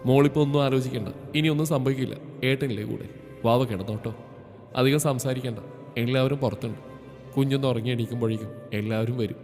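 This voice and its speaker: A man voicing a devoted young husband who soothes his injured wife softly in a storybook reading. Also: fast, long reverb tail, faint music behind, lightly acted. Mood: tender soothing. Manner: soft, low, soothing. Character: devoted young husband, grieving but gentle.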